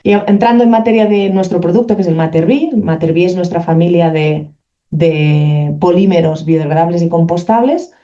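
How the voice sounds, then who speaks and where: A speaker giving a technical presentation for a company, explaining carefully while often pausing to search for words. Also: mid-range voice, mellow. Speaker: company representative presenting a product. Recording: dull lo-fi recording.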